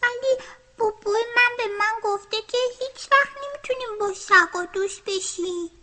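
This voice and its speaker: A woman's voice: extremely high pitch, pushed and bright, a little hiss or hum, pitched above the performer's own voice. A woman voicing a frightened little girl kitten in a children's story, timid and pleading. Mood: scared pleading.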